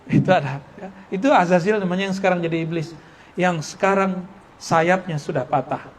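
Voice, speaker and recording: High-voiced joking Islamic preacher, man. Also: a little fast, a little hiss or hum. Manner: lively, joking, laughs often. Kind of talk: religious study lecture. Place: Islamic boarding school gathering.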